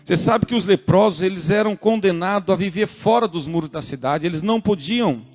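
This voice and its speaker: High-voiced Brazilian preacher, earnest sermon. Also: male voice, a little fast, soft background music. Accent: Brazilian Portuguese. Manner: earnest, rising to emphatic urging. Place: church service streamed online.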